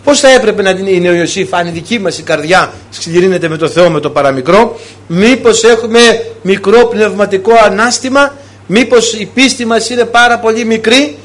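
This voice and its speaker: A man with a notably high voice preaches, throwing out one rhetorical question after another. He acts out little conversations as he speaks, switching voices to make his point. It is a lively, pastoral way of talking. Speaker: priest. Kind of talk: sermon.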